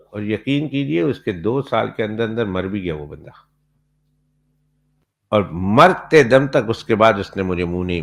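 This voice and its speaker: A man's voice: on the low side, gravelly, a bit bright. A male Islamic cleric telling a story in a sermon, emphatic and full of repeated rhetorical questions.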